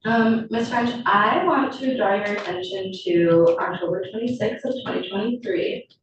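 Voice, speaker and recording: A woman working as a prosecutor, addressing the court and questioning a witness in a formal, measured way, heard in a courtroom recording. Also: mid-range voice. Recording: echoey courtroom, distant mic, dull and noisy.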